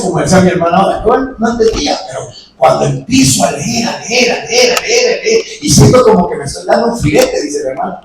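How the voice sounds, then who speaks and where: A middle-aged male preacher with a high, gravelly voice delivers a sermon, dropping to quiet talk and then shouting. The sound is roomy and echoey, with a faint noise behind him. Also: recorded from a distance. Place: church hall.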